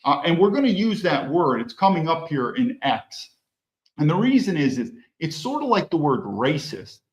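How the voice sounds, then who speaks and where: A man's voice: on the high side, sing-song, moderate pace. A man hosting his own political show, delivering an emphatic, opinionated monologue full of rhetorical questions. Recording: echoey room, dull lo-fi sound.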